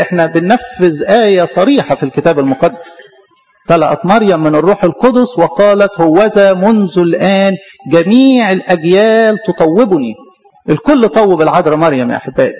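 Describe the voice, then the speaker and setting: A man's voice: fairly high pitch, darkish tone, highs cut off. A man with an Egyptian Arabic accent preaching a sermon as a priest, fervent and throwing rhetorical questions at the congregation.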